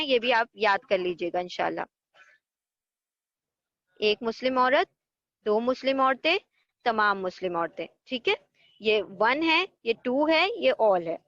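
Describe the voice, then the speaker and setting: A woman's voice: on the high side, a bit bright, no echo, lo-fi sound. A woman teaching an Arabic grammar lesson online, patiently drilling word endings and explaining them step by step.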